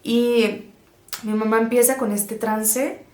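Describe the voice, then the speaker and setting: A woman's voice: a little high, steady tone, takes it slowly, darkish tone, reverberant. A woman telling a story casually but dramatically as a vlog host, repeating words and phrases emphatically for suspense.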